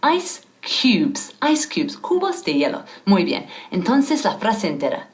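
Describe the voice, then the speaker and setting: A woman's voice: mid-range voice, wildly swooping pitch, takes it slowly. A woman teaching English to Spanish speakers, patient and encouraging, drilling pronunciation with exaggerated repetition. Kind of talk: language lesson for Spanish speakers.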